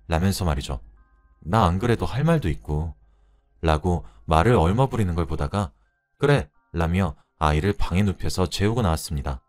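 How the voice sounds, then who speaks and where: A man reads a first-person story aloud with a low voice. His delivery is expressive, with pitch rising and falling a lot. He tells it like a dramatic confession.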